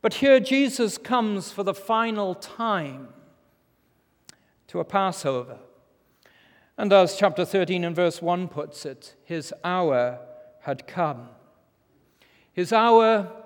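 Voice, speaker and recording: Male British preacher, lisping slushy s, high-pitched, solemn and measured, long hall reverb. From Britain. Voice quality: lisp, slushy s. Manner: measured, solemn, rhetorical pauses. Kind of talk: formal expository sermon.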